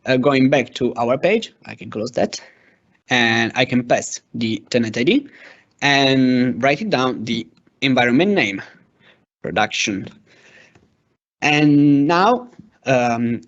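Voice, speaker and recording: A man with a mid-range voice narrates a step-by-step software demo as a tutorial presenter, his delivery hesitant and halting. The microphone sounds dull and lo-fi.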